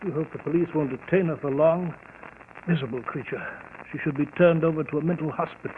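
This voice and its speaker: An actor playing an earnest, fussy, easily flustered doctor sidekick, acting and narrating in a 1940s radio mystery. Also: male voice, a little high, fast talker, natural voice. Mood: flustered, concerned. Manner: hesitant, fussy, storytelling. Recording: tinny, noisy old 1940s radio broadcast.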